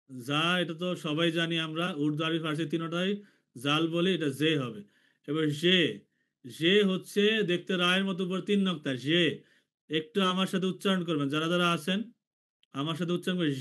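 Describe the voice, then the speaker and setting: Man teaching a slow, repetitive online class. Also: a little high, sharp tone. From Bangladesh. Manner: slow, repeats each letter for students to copy. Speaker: language teacher. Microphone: video call.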